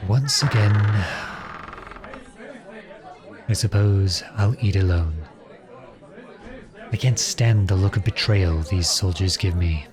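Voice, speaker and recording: Crowd noise sits behind this man as he plays the outlawed young prince who serves as a lowly soldier in a roleplay audio drama. He speaks formally, measured, courteous and earnest, in a bitter, melancholy mood.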